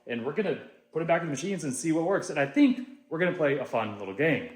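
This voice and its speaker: A man hosting a casual do-it-yourself vlog, talking to himself with excitable, self-mocking energy as he tests his tools. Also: on the high side, quick pace, roomy sound. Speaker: DIY video host. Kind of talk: casual vlog narration while testing tools.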